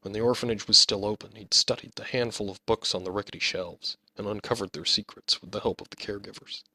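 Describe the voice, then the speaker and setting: A man narrating his own fantasy novel as an audiobook, reading in a measured storytelling manner. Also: on the low side, steady tone, sharp tone, no room sound.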